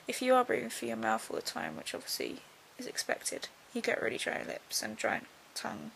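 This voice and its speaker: Casting: young woman, very gravelly fry on a highish voice, drowsy post-surgery delivery, casual diary style. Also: very animated, brisk, fairly bright tone, slight background noise, rough recording. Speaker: vlogger.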